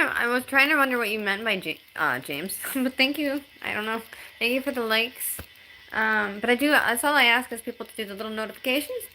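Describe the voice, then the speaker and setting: A woman in her thirties, her voice bright, clear and rather high, chats casually with viewers on a phone live stream from home. She reads comments aloud in a halting, easygoing way, with plenty of ums and restarts. The recording is low quality, with a little hiss or hum.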